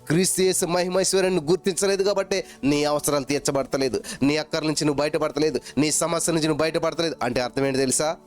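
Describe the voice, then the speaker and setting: A pastor preaching with a Telugu accent, chanting repeated phrases and swinging between loud and low delivery. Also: male voice, steady tone, fast talker, hardly any pauses, faint music behind. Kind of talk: sermon.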